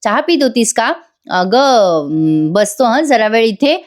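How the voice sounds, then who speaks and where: A woman's voice: on the high side, big pitch swings, unhurried. A woman voicing a scheming middle-aged man who coaxes and wheedles. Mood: coaxing. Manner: coaxing, wheedling.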